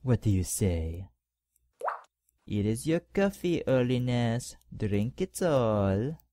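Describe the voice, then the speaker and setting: An actor playing a power-hungry cardinal who talks to the pope in a condescending, mock-polite way in an audio drama. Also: male voice, medium pitch, very animated, slow, warm tone, dry recording. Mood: sneering.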